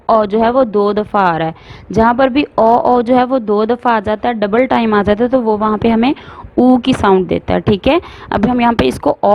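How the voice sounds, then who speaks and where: A woman teaching phonics to young children, sounding out words slowly and explaining in Hindi mixed with English. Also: a little high, dry recording, muffled recording. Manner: slow, drawn-out sounding out of words.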